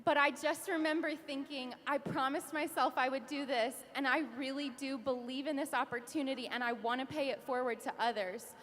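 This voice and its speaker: A young woman in her twenties delivers a heartfelt, emotional award speech on stage, at times laughing through tears. Her high, fairly bright voice stays steady and moves a little fast with few pauses, echoing through a reverberant hall with an audience.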